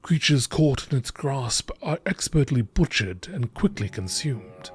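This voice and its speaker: A man with a medium-pitched, darkish voice reads game lore entries as scripted narration, styled like a nature documentary. The background ambience is clearly noisy.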